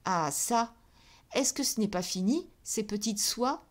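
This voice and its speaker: A woman's voice: mid-range voice, expressive, measured pace, pitched above the performer's own voice, lightly acted. A woman voicing an irritated heavyset male department head who talks brusquely and grumbles. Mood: annoyed.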